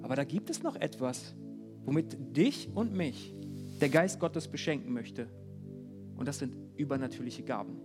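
A male pastor preaching a sermon at a church service, earnest and animated, speaking directly to the congregation. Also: mid-range voice, normal speed, music in the background.

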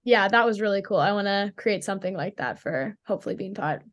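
A woman's voice: mid-range voice, lively intonation, fast. A young woman from Pittsburgh, a college hockey player, chatting as a guest in a casual interview with a bubbly manner and plenty of "like" fillers. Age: young adult.

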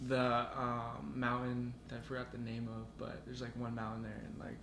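A man's voice: medium pitch, completely flat delivery, moderate pace, creaky. A young man as a podcast guest, talking in a laid-back, rambling way full of fillers. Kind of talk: casual chat. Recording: echoey room with background noise.

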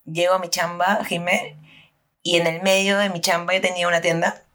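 A woman's voice: fairly low pitch, flat delivery, a little fast, fairly bright tone. A woman, telling a story in casual chat and swearing freely. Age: 30s.

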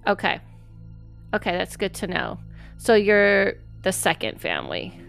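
A woman's voice: medium pitch, huge pitch swings, unhurried, vocal fry, a bit bright, faint music behind. A woman hosting a podcast, chatting casually with a guest, affirming often and laughing easily. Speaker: podcast host. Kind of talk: casual interview chat.

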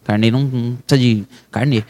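This man speaks quickly in a steady, mid-range voice with a slightly mellow quality. He's a real estate broker from Brazil guesting on a podcast, sharing an emotional personal story with intense fervor and addressing the listener as "irmão."

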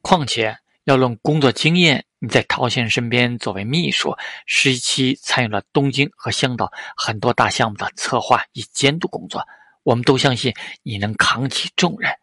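A man voicing an older male official with a deep, full voice, speaking in an earnest, measured, fatherly way. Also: pushed and bright, no echo.

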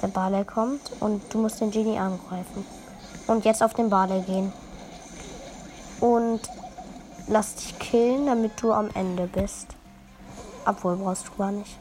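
A woman's voice: medium pitch, fairly even intonation, a little slow, long pauses, a little mellow, soft background music, rough recording. A young woman casually commentating her own gameplay, teasing her teammate and barking orders at her. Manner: teasing, bossy, calls out orders. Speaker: gaming video host.

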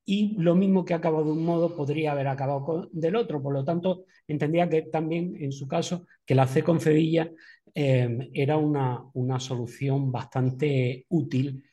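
Mellow-voiced interviewer, halting with fillers. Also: male voice, a little high, fairly even intonation. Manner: hesitant, many filler pauses. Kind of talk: radio interview questions.

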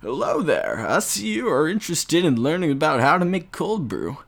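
A man putting on a voice as a nostalgic old man who rambles about the old days in folksy, drawn-out speech. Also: a little high, big pitch swings, creaky, a bit bright, voice pushed up, full character voice.

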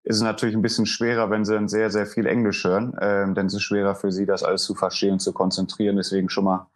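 A man's voice: lowish voice, fast talker. A man hosting a sports podcast, chatting casually with lots of fillers as he interviews a guest. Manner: relaxed, chatty, frequent fillers.

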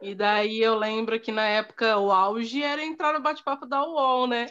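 A woman guest on a casual podcast chat, sharing relaxed anecdotes. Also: a little high, a little slow. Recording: dull lo-fi audio.

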